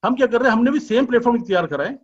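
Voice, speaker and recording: Man giving a chatty, husky sales pitch. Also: lively intonation, racing. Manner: persuasive and chatty, asks rhetorical questions; teasing, sarcastic asides. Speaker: business presenter. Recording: dull lo-fi recording.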